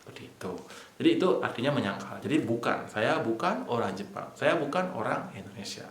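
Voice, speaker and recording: A man teaching a casual online language lesson, explaining slowly step by step and repeating key points. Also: medium pitch, expressive, a little hiss or hum. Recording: echoey room.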